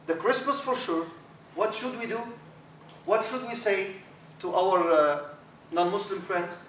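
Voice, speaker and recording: Speaking at a measured pace, this middle-aged, Arabic-accented imam trains workshop participants in a high, lively voice, frequently repeating his words. The mic catches him from far across a reverberant lecture hall, over a faint hiss.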